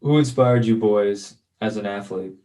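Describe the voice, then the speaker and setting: A man's voice: on the low side, measured pace, warm tone. Man interviewing young baseball players. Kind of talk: casual interview questions.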